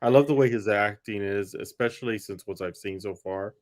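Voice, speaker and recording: A man's voice: lowish voice, fairly quick. A man co-hosting a casual chat about a TV premiere, easygoing and teasing. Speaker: watch party co-host. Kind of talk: casual pop-culture chat.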